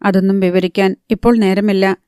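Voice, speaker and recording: A woman narrator voicing a sullen young husband who gives short, cold replies, in a clear, flat reading voice. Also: medium pitch, a little fast, dry recording, clean studio sound, lightly acted.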